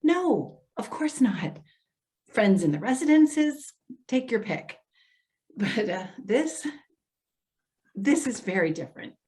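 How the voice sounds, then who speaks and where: A woman performs in readers theater as an earnest, protective elder-care social worker, speaking carefully and insistently in a cautioning, cautious mood. Her medium-pitched, slightly mellow voice swings widely in pitch, moving slowly with frequent pauses.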